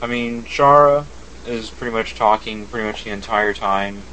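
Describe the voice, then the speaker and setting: Low-voiced man in casual game talk. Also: moderate pace, sharp tone, a little hiss or hum, rough recording. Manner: chatty, hedging with fillers. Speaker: podcast co-host.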